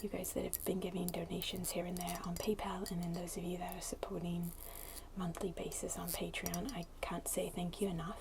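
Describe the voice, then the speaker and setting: A woman speaking very softly and breathily in a casual, hesitant ASMR chat to viewers, in a hushed near-whisper. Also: fairly low pitch, little pitch movement, a little fast. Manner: very soft, breathy, hushed delivery. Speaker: ASMR video creator. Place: indoors at a wooden table. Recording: clicky tapping noise over close voice. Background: fingernail tapping and scratching on glass bottle.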